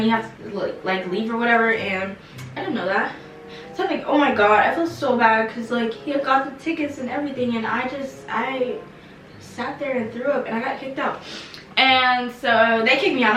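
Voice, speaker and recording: A young woman telling a casual storytime, animated and slangy with lots of fillers. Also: fairly high pitch, slight background noise. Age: young adult. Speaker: vlogger. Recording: echoey room, mic some distance off.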